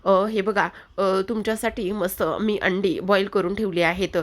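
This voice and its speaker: A woman's voice: mid-range voice, steady tone, moderate pace, lightly acted. A woman voicing a meek young wife who speaks hesitantly and keeps apologizing.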